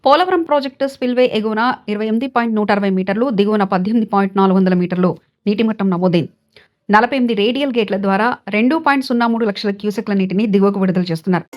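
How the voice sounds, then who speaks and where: A woman news anchor reading a scripted bulletin in an even newsreader delivery. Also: medium pitch, rapid-fire, dull audio.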